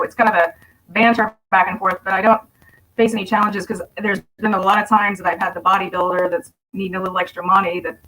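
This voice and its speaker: A woman who runs a landscaping business speaks frankly on a video call panel, using some fillers in plain-spoken, casual discussion. Her voice is lowish and a bit bright, and the rough recording carries slight background noise.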